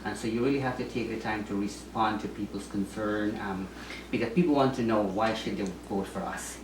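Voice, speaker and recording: Speaking briskly in a lowish voice, a Guyanese man who once ran for mayor responds to an interviewer. He hesitates a lot, restarting sentences and saying um often, while the recording has a distant mic, roomy echo and faint noise.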